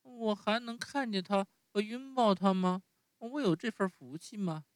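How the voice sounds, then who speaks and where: A man voicing an eager, excitable wooden puppet boy in a high squeaky voice, often starting with a hesitant "uh". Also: measured pace, no echo. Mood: pleading. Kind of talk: bedtime story reading.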